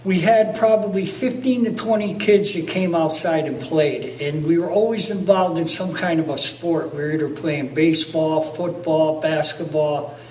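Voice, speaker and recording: A man's voice: fairly high pitch, moderate pace, hardly any pauses, a little mellow, roomy sound, distant mic, a little hiss or hum, poor audio. A man in his fifties from Connecticut, telling his own life story plainly in a documentary interview. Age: 50s. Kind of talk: documentary testimony.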